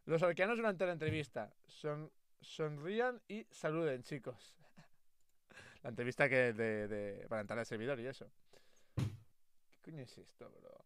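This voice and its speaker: A man's voice: on the high side, a little slow, long pauses, smooth, dry recording. Man, casual stream chat, laughing, dry close mic. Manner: animated, laughs often, slangy banter. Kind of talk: casual live-stream chat reacting to memes.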